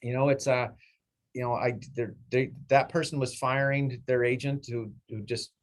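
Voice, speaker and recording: A middle-aged man leading a team meeting, coaching real estate agents in a rambling, animated way, often acting out clients in a raised voice. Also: medium pitch, normal speed. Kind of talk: casual coaching talk.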